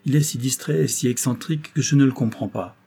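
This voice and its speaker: A man reading the part of a cold, secretive young noblewoman who speaks in a grave, measured tone. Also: mid-range voice, creaky, dark tone, husky.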